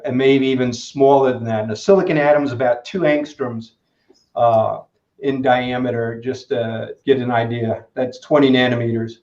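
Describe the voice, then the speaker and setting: Halting man explaining, roomy dull sound. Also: mid-range voice, a little mellow. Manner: halting, many "uh" and "you know" fillers. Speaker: guest expert in materials engineering. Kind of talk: conversational interview answers.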